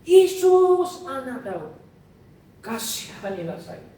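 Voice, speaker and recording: A woman's voice: mid-range voice, animated, takes it slowly, heavy reverb, recorded from a distance, voice pushed down. A man voicing a desperate begging mother. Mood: pleading. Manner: pleading, crying out. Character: desperate foreign mother begging for her daughter.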